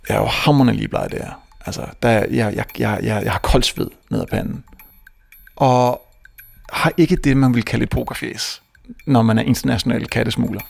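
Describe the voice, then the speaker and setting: A young man from Denmark telling a comic story on stage, animated and self-mocking, often stammering and restarting. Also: mid-range voice, gravelly. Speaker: stand-up comedian. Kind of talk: stand-up storytelling.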